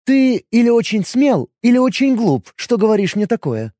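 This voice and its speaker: A man voicing a proud, scornful young high-elf woman rogue in an audiobook, silky and condescending. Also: very animated, moderate pace, dark tone, no echo, studio quality. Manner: silky, condescending, turns sharply imperious.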